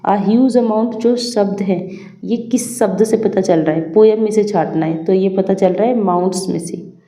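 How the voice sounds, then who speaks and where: A woman's voice: mid-range voice, unhurried, warm tone. A woman teacher going through a school English lesson, patiently asking and answering her own questions. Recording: roomy echo.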